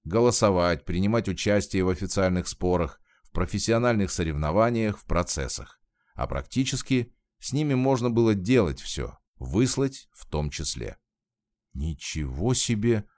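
A man narrating a novel aloud in an expressive storytelling manner. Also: sits low, normal speed, no echo. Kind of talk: audiobook reading.

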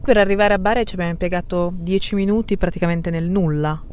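Woman reporter, lowish voice, direct. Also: fairly even intonation, a little mellow, slight background noise. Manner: direct, brisk questions. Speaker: radio reporter. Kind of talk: radio reportage.

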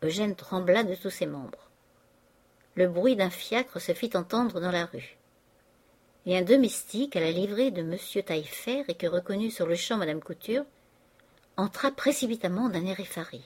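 A woman narrating a classic novel as an audiobook in a measured, expressive way. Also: fairly low pitch, slightly rough. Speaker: audiobook reader.

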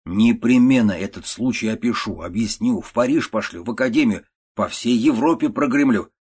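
A man's voice: medium pitch, normal speed, darkish tone, breathy edge, lightly acted. A man doing a boastful chattering doctor. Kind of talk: audiobook character reading.

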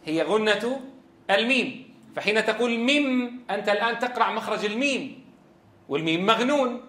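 A man's voice: high-pitched, animated, brisk, bright, forceful tone, roomy sound. A man teaching Quran recitation, asking students questions and demonstrating sounds. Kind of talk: tajweed lesson.

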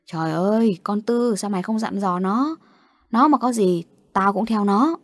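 Here is a stern elderly grandmother from a spoken ghost story, heavy with warning as she scolds the family. Her voice sits at a middle pitch and stays near the reader's own, a woman reading her part. The recording is dry and close. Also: moderate pace, no room sound, close to an everyday voice. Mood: alarmed.

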